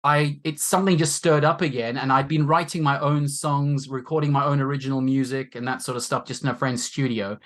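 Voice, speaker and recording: A man in his forties from Zimbabwe, a guest on a podcast, talking in a loose, rambling way. He laughs at himself and fills his pauses with ums and restarts. His voice sits at an ordinary middle pitch. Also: steady tone, fairly bright tone. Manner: rambling and self-deprecating, with many fillers. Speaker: guest musician and marketer. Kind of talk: casual chat.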